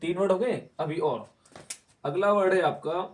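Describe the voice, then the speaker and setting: A man's voice: sits high, normal speed, recorded from a distance. A man teaching English vocabulary, repeating each word aloud several times and quizzing the class. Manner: drills words aloud in repetition, asks the class questions. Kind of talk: spoken English lesson.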